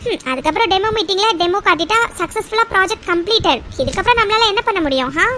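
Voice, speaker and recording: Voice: very high voice, lively intonation, fast talker, bright, forceful tone, a little hiss or hum, heavily acted. A performer voicing a cautious young woman colleague in a cartoon serial, arguing against a scheme. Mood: reasoning. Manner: reasoning, protesting.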